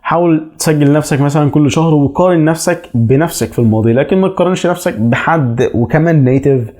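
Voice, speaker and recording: Egyptian guy teaching english, talks quick and chatty, warm mellow tone. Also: medium pitch. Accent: Egyptian Arabic. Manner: chatty, reassuring advice. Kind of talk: casual explainer video.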